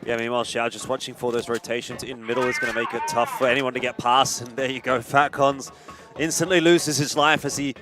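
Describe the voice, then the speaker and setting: A man's voice: medium pitch, fairly even intonation, brisk, music in the background. A man commentating live on an esports match as a caster, explaining the play, with crowd and game gunfire behind him.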